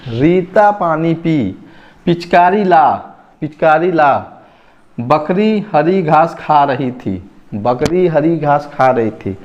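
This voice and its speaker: Male teacher, slightly high voice, drills words slowly, each repeated twice; muffled lo-fi recording. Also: darkish tone. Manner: reads word lists slowly, repeats each word to stress vowel length. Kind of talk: Hindi phonics lesson. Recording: dull lo-fi recording.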